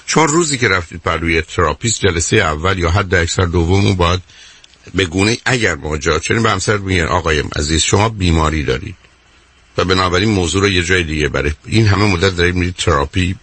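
A man's voice: low-pitched, a bit bright, breathy edge, dry recording. A man hosting a radio call-in as a psychologist, interrupting insistently and repeating "my dear" and "wait".

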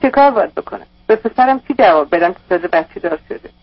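A woman calls in to a radio show and pours out her story in a distressed, rambling way. Her voice sits at a medium pitch and sounds dull and lo-fi, with a dry, close feel. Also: lively intonation, no echo. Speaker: caller. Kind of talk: call-in radio conversation.

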